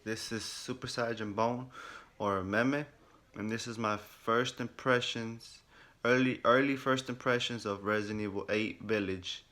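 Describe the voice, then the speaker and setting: Animated, swearing male gaming vlogger. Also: fairly low pitch, unhurried. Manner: animated storytelling, heavy swearing, acts out reactions. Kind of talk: casual game first-impressions recap. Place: at home in his room.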